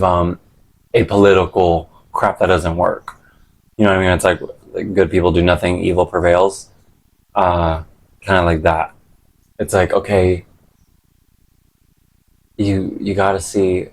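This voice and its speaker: Male vlogger, low-pitched voice, loose sweary slang, casual rambling monologue. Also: level tone, unhurried, long pauses, rough recording. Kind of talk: casual rambling chat to camera.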